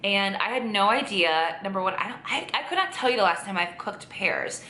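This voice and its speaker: Chatty woman, bright echoey voice. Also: medium pitch, animated, a little fast, slight background noise. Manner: chatty, gushing, many fillers and restarts. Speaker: vlogger. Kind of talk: casual vlog chat.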